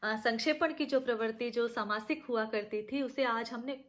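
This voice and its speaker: A woman teaches a college class from home. Her voice sits a little high for a woman. She explains step by step, often hesitating on fillers and restarting her phrases. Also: normal speed, a bit bright. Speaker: college lecturer. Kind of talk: online linguistics lecture.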